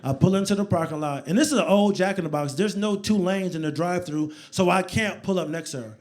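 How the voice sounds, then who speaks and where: Brief: man in his 40s, stand-up comic, slightly high voice, animated and loud on a handheld mic. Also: a little fast. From United States. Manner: animated, loud, acts out scenes. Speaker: stand-up comedian. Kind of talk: stand-up comedy storytelling. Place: comedy club stage.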